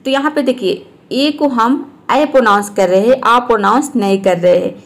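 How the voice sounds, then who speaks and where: A woman teacher explaining words and repeating each one slowly. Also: on the high side. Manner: slow, repeats each word to show how it is said. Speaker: English teacher. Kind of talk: explaining lesson.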